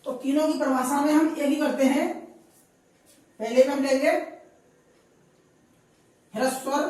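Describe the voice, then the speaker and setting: High-pitched, unhurried woman teaching grammar. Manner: repeats points and quizzes listeners with questions. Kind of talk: classroom lesson. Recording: very echoey room, voice from a distance.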